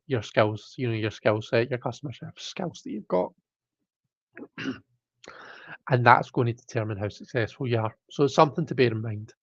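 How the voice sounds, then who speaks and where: On a live stream, a medium-pitched male host casually reads chat and rambles, stumbling through fillers and restarts as his throat catches. The recording is muffled, with no echo.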